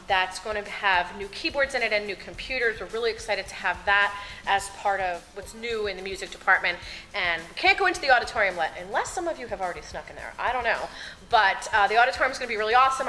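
A woman's voice: mid-range voice, bright, forceful tone, rough recording. A middle-aged woman, a choir teacher, talking enthusiastically on camera in a large classroom. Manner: enthusiastic, gestures broadly while talking. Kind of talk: on-camera school interview. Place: large bright empty classroom.

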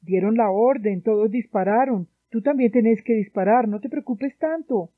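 A woman reading the part of a young male soldier who calmly reassures his comrade, heard through a dry, tinny phone-like sound. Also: fairly high pitch, moderate pace, no room sound, lightly acted. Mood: consoling.

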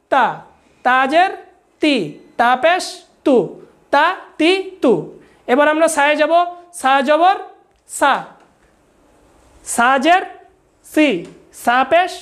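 A young woman teaching Quran reading, slowly sounding out Arabic letters and vowel marks for her students to repeat. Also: high-pitched. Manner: slow, syllable-by-syllable recitation and patient instruction.

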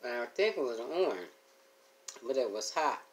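A woman's voice: extremely low pitch, big pitch swings, moderate pace, darkish tone, a little hiss or hum. A middle-aged woman vlogging at home, chatting to her viewers in a rambling, homey way while she eats and hums between bites. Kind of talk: casual eating chat to camera.

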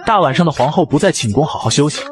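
A man's voice: fairly high pitch, animated, very fast, lightly acted. A man voicing a petulant young emperor. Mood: haughty. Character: headstrong young male emperor, petulant and proud. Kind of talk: comic comic-recap voicing.

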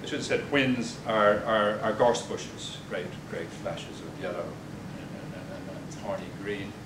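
Reading at a bookstore podium, the older poet offers poems along with spoken asides, hesitant and halting in the gaps between them. Sound is picked up from far away by a camera mic, with the room echoing and a rumble behind.

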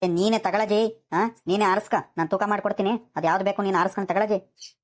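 A woman voicing a rushed, easygoing male fish seller in an animated village comedy. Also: medium pitch, natural voice. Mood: hurried. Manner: rushed, pleading, fast-talking.

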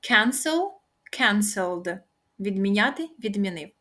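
A woman's voice: medium pitch, animated, measured pace, a bit bright. A young woman teaching English grammar in a patient, encouraging way, drawing out the example words. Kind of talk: explaining grammar rules.

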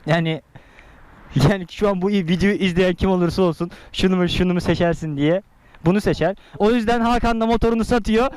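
A man's voice: high voice, a little fast, a little mellow, clear, resonant tone. A young man chatting casually as a motorcycle vlogger, slangy and teasing, talking from inside a helmet. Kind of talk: casual motovlog chat and commentary.

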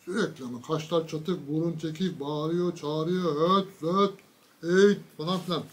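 A man giving a casual political monologue, mocking and ranting, with sudden loud bursts and low asides. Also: normal speed. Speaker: political commentator.

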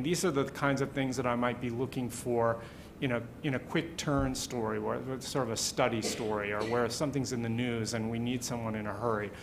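Middle-aged man, steady explaining tone, table mic, faint rumble underneath. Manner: measured, explanatory, some hesitation. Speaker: panelist, radio news editor. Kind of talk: panel discussion remarks. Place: wood-panelled conference hall. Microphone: table microphone.

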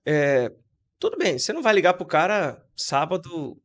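A man's voice: a little high, very animated, normal speed, a bit bright. A man on a podcast, chatting casually and stating strong opinions with emphasis, often acting out what others say. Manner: emphatic, opinionated, acts out quoted dialogue. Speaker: podcast co-host. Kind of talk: casual chat.

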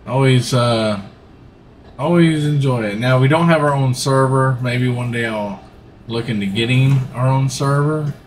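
This is easygoing, rambling livestream talk from a middle-aged man playing a farming game in a gaming seat in his home room. His medium-pitched voice runs a little slow, with a slight hiss or hum.

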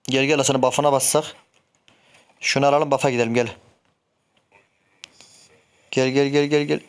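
Male streamer, chatty and hot-headed, mid-pitched, talks through his match. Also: moderate pace, clean tone. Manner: excitable, swears and grumbles at teammates. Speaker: gameplay streamer. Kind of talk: casual live game commentary.

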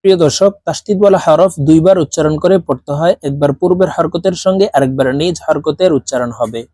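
A man teaching Quran recitation, explaining the rules and then spelling letters slowly, one syllable at a time, for learners to repeat. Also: a little high, mellow, no room sound, studio quality. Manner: slow, deliberate syllable-by-syllable spelling for the class to repeat. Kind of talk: spoken lesson with spelled-out drills.

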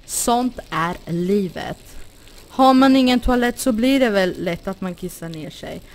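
A woman hosting a gaming channel gives casual Let's Play commentary on a life-sim game, chatting, exclaiming, laughing and talking to her sims. Her voice is on the high side with lively intonation.

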